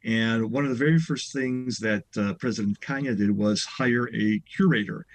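A man's voice: medium pitch, moderate pace, a little hiss or hum. A man in his sixties, a radio guest, explaining history at length with frequent "uh" and "you know" fillers. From Chicago area. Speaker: guest, museum president. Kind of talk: radio interview.

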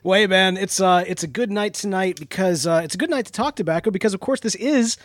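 Male podcast host, slightly high voice, casual and self-deprecating, dry room sound. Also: fast, no echo.

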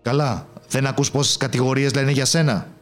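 A man voicing an anxious Roman governor in a storybook, questioning loudly and insistently. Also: mid-range voice, faint music behind, voice pushed up, close to an everyday voice. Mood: demanding.

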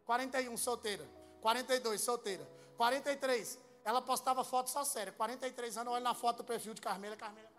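Guy preaching, funny stories, kinda high voice, faint music under it. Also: fast. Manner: comic, lively storytelling that rises into loud exhortation. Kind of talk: humorous sermon storytelling.

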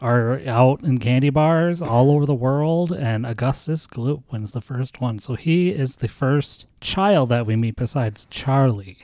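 American dad host, gently quizzing his kid, relaxed tone, dry close recording. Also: medium pitch, measured pace, few pauses, dry recording. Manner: patient, teacherly, asks leading questions. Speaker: podcast host and father. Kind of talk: casual chat with his child.

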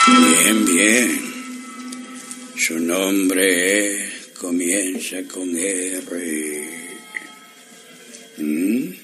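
A low-voiced, sham seance medium warlock. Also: male voice, pushed and bright, heavily acted. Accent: Central American. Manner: seance medium calling on spirits, repetitive incantation. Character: sham village warlock acting as seance medium, feigning trance. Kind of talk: comic audio storytelling sketch.

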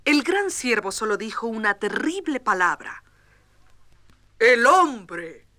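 A woman narrating a children's storybook record, expressive and tender. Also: a little high, normal speed, dry recording.

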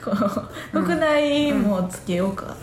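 A playful woman co-hosting a relaxed comedy podcast, with a somewhat high voice. She giggles often and keeps her answers short and teasing. The recording is roomy, with a faint hiss underneath. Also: slow pace. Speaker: podcast co-host. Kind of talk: casual comedy podcast chat. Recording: roomy echo.

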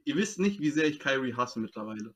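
A man's voice: medium pitch, expressive, quick pace. A young man chatting casually in slang, making emphatic, exaggerated points about sport. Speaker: podcast panelist.

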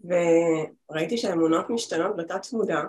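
A woman's voice: lowish voice, darkish tone. Brief: woman in her forties, guest healer, chatty rambling talk over a video call.

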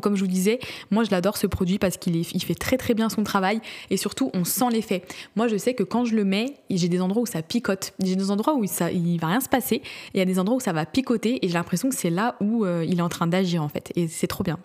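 A woman's voice: medium pitch, fast, darkish tone. A young woman talking through her skincare routine in a casual vlog, chatty and giggly, with many fillers and restarts. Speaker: beauty vlogger.

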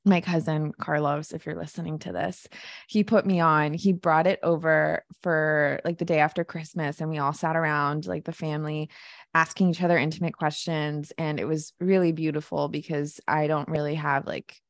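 A woman's voice: low voice, flat delivery, moderate pace, dry recording. A woman co-hosting a casual chat podcast, telling stories with enthusiasm and many fillers. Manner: enthusiastic, warm chatty storytelling with fillers. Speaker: podcast co-host.

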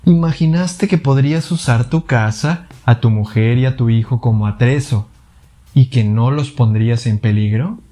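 A man voicing a calm, menacing male psychoanalyst who taunts his enemy with measured sarcasm. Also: mid-range voice, lightly acted. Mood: taunting.

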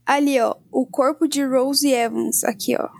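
A woman's voice: high voice, fairly even intonation, unhurried, vocal fry, a little mellow, no room sound, clean studio sound. A woman with a Brazilian accent hosting a podcast, switching between scripted narration and informal, self-deprecating asides. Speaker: podcast host. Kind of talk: casual chat and scripted true-crime narration with asides.

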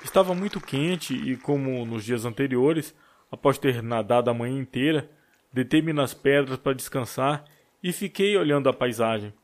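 A man reading a story aloud as an audiobook narrator, in a steady storytelling manner. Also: medium pitch, moderate pace. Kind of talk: scripted narration.

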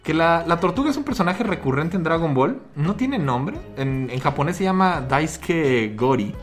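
A man's voice: on the high side, animated, normal speed, soft background music. A man co-hosting a podcast, chatting casually and laughing often as he retells a story. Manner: laughs often, trails off and restarts. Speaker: podcast co-host. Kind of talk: casual chat recapping an anime.

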